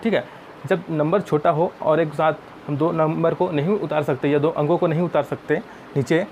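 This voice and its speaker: A man's voice: fairly high pitch, fairly even intonation, normal speed, darkish tone, slight background noise. A man teaching math, explaining each step patiently and often calling viewers friends.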